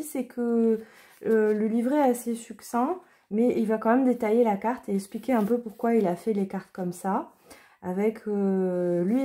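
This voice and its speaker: Woman, casual deck reviewer, hesitant with fillers, mellow tone. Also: fairly high pitch. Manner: hesitant, many fillers and restarts. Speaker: card reader and deck reviewer. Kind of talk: casual chat.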